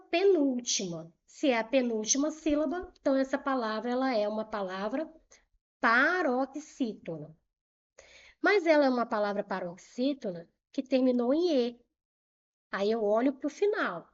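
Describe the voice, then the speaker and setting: A woman's voice: fairly high pitch, darkish tone, dull audio. A woman with a Brazilian Portuguese accent teaching a grammar lesson for exam prep, patiently repeating rules and asking and answering her own questions.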